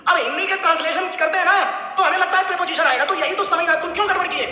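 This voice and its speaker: A middle-aged man teaching an English class, lecturing loudly with teasing scolds at his students. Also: very high-pitched, fast talker, heavy reverb, big-room sound, low-quality recording. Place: large lecture hall.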